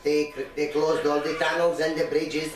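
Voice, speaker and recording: A man telling rambling stories in relaxed conversation, often restarting his sentences. He sounds distant from the mic in an echoey room. Music runs underneath. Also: fairly high pitch, moderate pace. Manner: rambling storyteller, many restarts. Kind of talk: casual chat.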